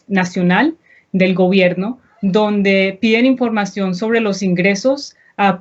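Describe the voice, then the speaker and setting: Earnest woman on a dull video call. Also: mid-range voice. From Medellín, Colombia. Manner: earnest, explanatory. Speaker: guest, executive director of an education nonprofit. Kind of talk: live online interview. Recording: dull lo-fi live-stream audio.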